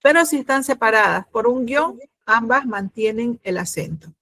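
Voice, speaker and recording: A middle-aged woman teaching a grammar lesson, explaining patiently, often pausing with fillers and checking that students follow. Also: fairly high pitch, expressive, pushed and bright, dry recording.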